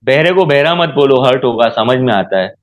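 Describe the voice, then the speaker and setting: A man's voice: mid-range voice, animated, moderate pace. A man, a guest in an interview, ranting indignantly in heated talk.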